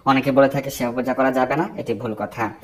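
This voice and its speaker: A man giving devotional ritual instruction in a firm, teaching manner, slowing down to chant Sanskrit mantras in a measured way. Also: medium pitch, steady tone. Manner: firm, didactic and prescriptive. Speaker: Vaishnava religious instructor.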